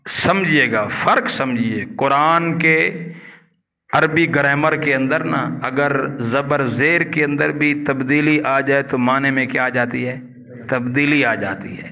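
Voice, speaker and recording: A male preacher delivers a religious lesson in a bright, forward voice. He teaches step by step, posing questions to the listeners and supplying the answers. He drawls Arabic grammar patterns out slowly, one at a time. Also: medium pitch. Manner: didactic, asks the audience questions and answers them himself. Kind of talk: Urdu religious lecture explaining Arabic grammar.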